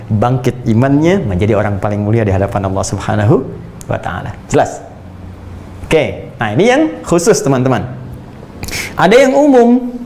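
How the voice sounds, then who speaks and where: A man preaching a sermon to an audience, lively and joking, now and then laughing with his listeners. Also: fairly high pitch.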